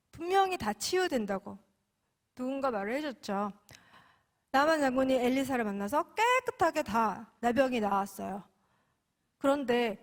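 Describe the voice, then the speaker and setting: High-voiced woman giving a testimony sermon. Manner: expressive storytelling with sudden emphatic rises. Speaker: mission representative giving testimony.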